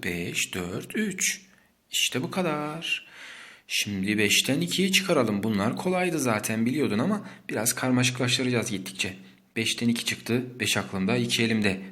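A man's voice: mid-range voice, sharp tone. Playful man teaching kids math. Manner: playful, counts numbers slowly aloud. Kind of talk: math lesson for young children.

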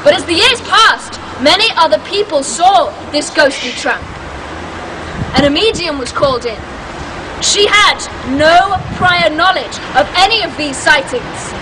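A woman guiding a ghost tour, telling a spooky tale theatrically with dramatic, ominous pauses. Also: high-pitched, lively intonation. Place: outdoors on broad stone steps at dusk. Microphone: camera a few metres away. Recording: noisy outdoor street recording with crowd.

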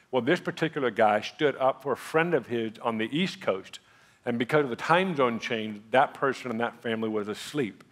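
A man in his thirties preaching from a large church stage into a headset mic. His delivery is conversational and easy, and it builds to excited emphasis while he recounts a testimony. His pitch sits in the ordinary middle range. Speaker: pastor. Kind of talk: sermon with testimony.

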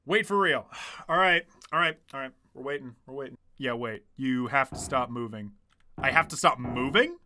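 In his twenties, a male streamer jokes, swears, and reads chat aloud during a casual livestream, sitting close to a desk mic in a small, dim room. His medium-pitched voice is bright and pushed, with lively intonation and a moderate pace.

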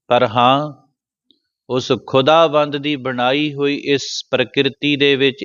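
A Punjabi man giving a Sikh religious discourse, slowly intoning scripture lines and then explaining them quickly. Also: mid-range voice, a bit bright, no room sound, highs cut off. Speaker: Sikh preacher.

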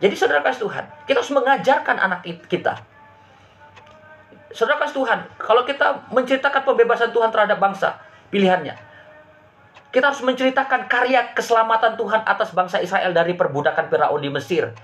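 A man's voice: very high voice, fast, fairly bright tone, faint music behind. A male pastor preaching a sermon, reading scripture aloud and then explaining it plainly, and often addressing his listeners as beloved brothers and sisters.

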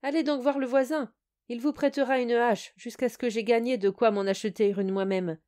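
A woman voicing a cheerful, clever young male student in an audio fairy tale, eager and quick-witted. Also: a little high, fairly even intonation, mellow, lightly acted.

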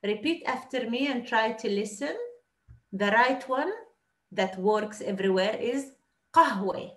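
A woman teaching a class, explaining patiently and repeating words slowly. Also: on the high side, reverberant. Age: 30s. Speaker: Arabic teacher.

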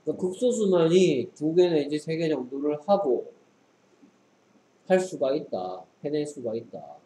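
A male English teacher tutors a student, reading sentences aloud, explaining the text, and quizzing with short questions. His voice is a little high and dark-toned, unhurried with lively intonation. The echoey room carries faint background noise.

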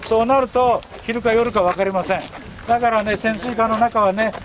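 A man, giving a folksy guided-tour explanation with drawn-out fillers and anecdotes. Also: high-pitched, steady tone. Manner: folksy, drawn-out fillers and frequent tag words. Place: open outdoor grounds. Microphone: camera a few steps away. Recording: outdoor camcorder audio with clear ambient noise.

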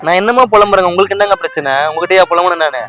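A man with a Tamil accent, talking in hidden-camera prank banter on a park bench outdoors, complaining and ranting loudly. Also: sits high, rapid-fire, loud music behind the voice. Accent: Tamil Nadu.

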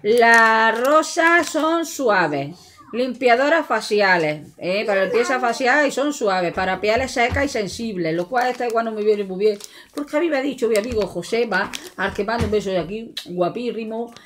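Vlogger, Andalusian woman, slightly high voice, chatty and jokey, home recording with faint hiss. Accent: Andalusian Spanish. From Andalusia, Spain. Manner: chatty, jokey, talks to viewers as friends. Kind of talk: casual shopping haul vlog. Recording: faint background noise.

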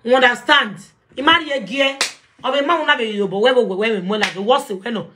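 A woman with a Nigerian accent hosting a live video call, animated and confrontational, mixing Pidgin English. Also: fairly high pitch, fairly quick, noisy background. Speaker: talk show host.

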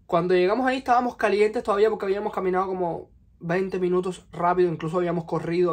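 In a small bedroom, a young Cuban man in his twenties vlogs a personal story straight to a nearby camera, his Cuban Spanish accent clear. His voice sits high, and his lively delivery is animated and full of hand gestures.

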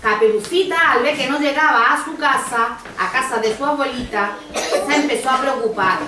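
A woman from Andalusia narrating a fairy tale in an expressive sing-song way to small children. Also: sits high. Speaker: storyteller mother. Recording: echoey school hall from far off, noisy.

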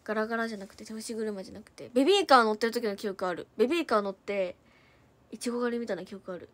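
A young woman idol chatting casually on a livestream, reading out and thanking viewer comments, quick-talking, now and then slipping into a Hiroshima dialect. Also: fairly high pitch, no echo. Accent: Hiroshima dialect in places.

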